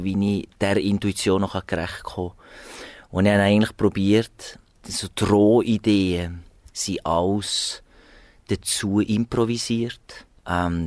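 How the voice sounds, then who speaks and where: A Swiss German-accented arranger and saxophonist answers questions in a radio interview, sounding thoughtful and hesitant, with many fillers and restarts. His voice is on the low side with a darkish tone, recorded dry.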